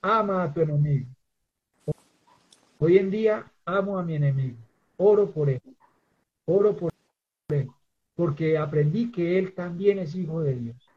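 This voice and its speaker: A man's voice: a little high, a little slow, pauses often, breathy edge, dull audio. A Colombian man giving an earnest personal faith testimony, preaching and acting out the voices he quotes. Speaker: testimony giver.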